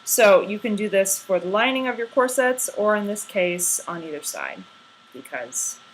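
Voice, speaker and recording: A woman giving a casual how-to vlog in a hungover, sluggish, halting way, with dry tongue-in-cheek delivery. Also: mid-range voice, big pitch swings, slight background noise, poor audio. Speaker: vlogger giving garment care tips. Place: indoors.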